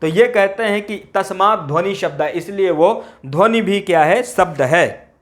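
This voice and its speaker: A man's voice: sits high, normal speed. A man teaching Sanskrit grammar in an exam-prep lecture, repeating key phrases and asking rhetorical questions.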